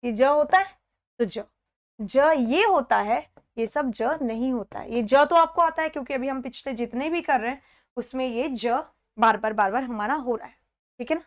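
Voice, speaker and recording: High-voiced woman teaching pronunciation. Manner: explains step by step, often checks in with "theek hai"; repeats words slowly to model pronunciation. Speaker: English exam teacher. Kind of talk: live online exam-prep lesson.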